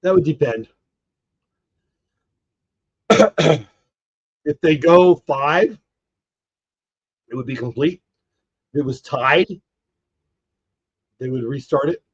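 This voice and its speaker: A man hosting a live baseball watch party, excitedly calling plays and chatting with viewers, a bit hoarse as he is losing his voice. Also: on the high side, takes it slowly, pauses often, dull audio. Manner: excited, reacts to plays, talks to chat. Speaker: livestream watch party host.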